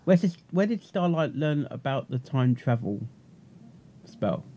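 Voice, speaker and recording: A man's voice: medium pitch, big pitch swings, measured pace, warm tone. A man in casual commentary chat, inquisitive and asking many questions. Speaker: co-host reviewing a cartoon episode.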